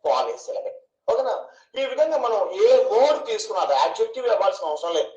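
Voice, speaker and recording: A man teaching an English grammar class online, asking questions and slowly drawing out each syllable. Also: high voice, big pitch swings, darkish tone. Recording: echoey room, dull lo-fi sound.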